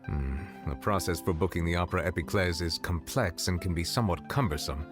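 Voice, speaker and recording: A man voicing a reserved, stately official from a video game, measured and formal. His voice is low, with clear music underneath. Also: lightly acted.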